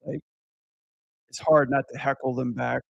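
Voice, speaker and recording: A man with a gravelly, creaky voice talks casually and swears a lot, trailing through sentences with constant filler words. He sits close to the mic in a dry, dead room with no echo. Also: mid-range voice, little pitch movement, unhurried, highs cut off. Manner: rambling, profane, heavy use of filler words. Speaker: podcast guest recounting a haunted house job. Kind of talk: casual chat.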